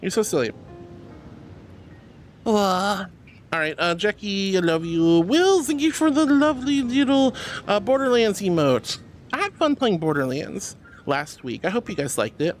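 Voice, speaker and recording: Soft background music accompanies a livestream host whose mid-range voice moves at a normal speed. She reads viewers' chat aloud and replies warmly with pet names like honey and sweetie, giggling and laughing frequently along the way.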